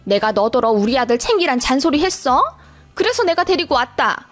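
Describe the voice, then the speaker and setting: A woman voicing a sharp-tongued older mother-in-law who scolds and defends her son. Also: sits high, lively intonation, brisk, faint music behind. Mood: scolding. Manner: scolding, lecturing in informal speech.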